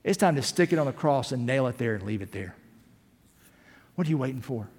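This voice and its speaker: A male pastor giving an impassioned sermon in a church, building to shouts and firing off rhetorical questions. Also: mid-range voice, expressive, brisk, breathy edge. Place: church sanctuary. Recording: long hall reverb.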